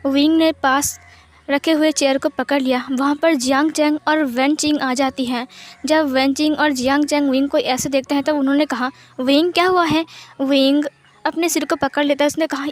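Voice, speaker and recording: A woman narrating a fan fiction story in an even retelling style with small slips. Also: high-pitched, moderate pace.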